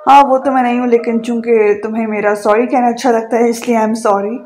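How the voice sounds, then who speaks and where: A woman's voice: fairly high pitch, little pitch movement, warm tone, faint music behind, close to an everyday voice. Woman reading as a cool, teasing young husband. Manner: cool, unapologetic, dryly provoking.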